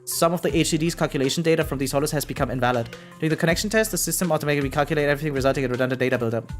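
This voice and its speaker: Faint music plays behind this game streamer, who talks rapid-fire in a medium pitch. He chats casually with his viewers, swearing and getting excited as he reacts aloud and reads out snippets of game text.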